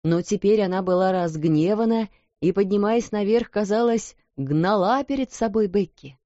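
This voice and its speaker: A woman's voice: mid-range voice, normal speed, warm tone, no echo. Woman reading a storybook, dull audio. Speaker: audiobook reader. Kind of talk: scripted storybook narration.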